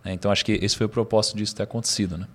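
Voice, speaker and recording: A man, a podcast guest telling a story in a lively, slangy way with laughs. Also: on the low side, rapid-fire, noisy background. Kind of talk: casual storytelling interview.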